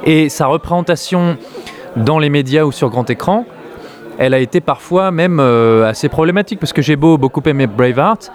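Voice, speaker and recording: A man's voice: fairly high pitch, normal speed. A man from France talking casually about a film, hesitant, with many fillers and restarts. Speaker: film critic.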